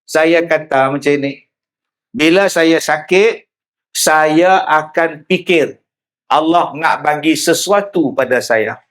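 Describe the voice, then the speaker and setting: A male preacher, delivering a lively sermon that mixes humor with direct address to the audience. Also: on the high side, takes it slowly. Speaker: religious preacher. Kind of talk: public sermon.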